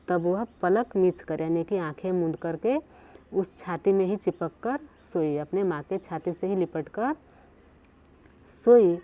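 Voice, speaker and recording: A woman teacher reads a Hindi lesson aloud and then explains each line again in simpler words. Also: fairly low pitch. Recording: tinny phone-like recording.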